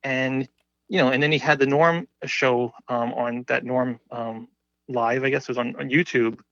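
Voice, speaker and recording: A man's voice: mid-range voice, steady tone, normal speed, a bit bright, no echo. A man appearing as a podcast guest who talks casually and rambles, filling his sentences with "you know" and "like". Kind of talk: casual conversation. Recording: muffled lo-fi recording.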